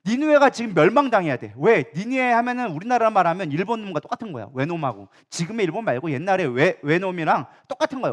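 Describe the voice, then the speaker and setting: A man preaching a sermon as pastor, animated and acting out quoted complaints. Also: high voice. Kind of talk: lively sermon.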